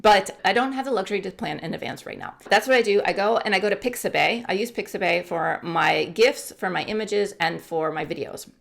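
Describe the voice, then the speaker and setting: A woman's voice: mid-range voice, animated, a little fast, gravelly, hardly any pauses. A woman from the United States, in her forties, chatting candidly to camera as a YouTuber and laughing often. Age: 40s. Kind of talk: casual talk to camera.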